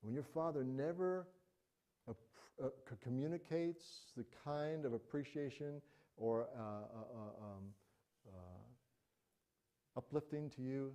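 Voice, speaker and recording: A middle-aged man preaches with a mellow, warm voice of middling pitch. He talks conversationally and animatedly, acting out small everyday examples as he goes. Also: slow pace. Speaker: pastor. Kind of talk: sermon.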